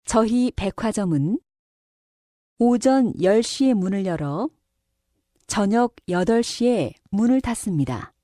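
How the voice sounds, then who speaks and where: Female announcer for exam listening passages; polite, formal, precise diction, lively intonation, very dry recording. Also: mid-range voice, slow pace, no echo. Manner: polite, formal, carefully enunciated. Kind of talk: scripted public announcement for a language listening test.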